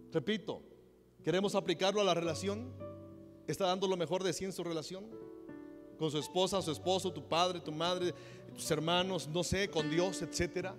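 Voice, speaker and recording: A Mexican pastor delivers a sermon in a high, animated voice, acting out the lines he quotes. His words ring with a long reverb through the church hall. Soft instrumental music plays faintly underneath. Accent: Mexican Spanish.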